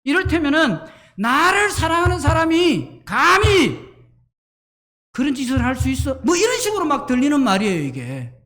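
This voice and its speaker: A male pastor preaching a sermon in an animated, emphatic way, at times raising his voice to a shout. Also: very high-pitched, normal speed.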